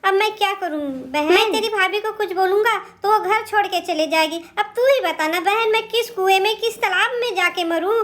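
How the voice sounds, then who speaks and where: A woman's voice: very high-pitched, moderate pace, hardly any pauses, a bit bright. A woman voicing a helpless elder brother in a doll drama, torn between his wife and sister, lamenting and lecturing.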